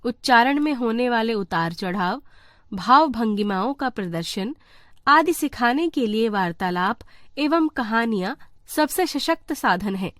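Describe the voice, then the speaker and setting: A woman reading a teacher's guide aloud in an even, measured voice. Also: fairly high pitch, no room sound, studio quality. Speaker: textbook reader.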